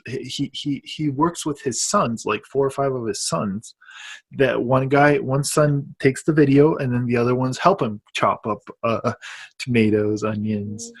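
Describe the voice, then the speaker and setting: A man co-hosting a podcast, telling an anecdote in a loose, rambling way and stringing his thoughts together with many "and"s. His voice is husky and slightly rough at a middle pitch, close on a studio mic. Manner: rambling storyteller, lots of "and" restarts. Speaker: podcast co-host. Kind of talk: casual podcast chat.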